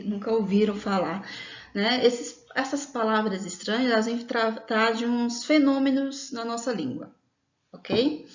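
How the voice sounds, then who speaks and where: A woman with a Brazilian accent gives a grammar lesson in a fairly high voice. She explains patiently and keeps checking in with her listeners. The recording sounds dull and lo-fi, with a roomy echo. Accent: Brazilian Portuguese. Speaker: grammar teacher. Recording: echoey room, dull lo-fi sound.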